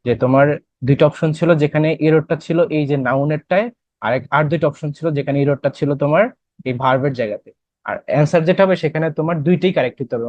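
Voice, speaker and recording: Quizzing students in an admission-test English class, this young Bangladeshi-accented lecturer explains in Bengali mixed with English terms. He sounds a little high and a little mellow, on a lo-fi recording with no room sound.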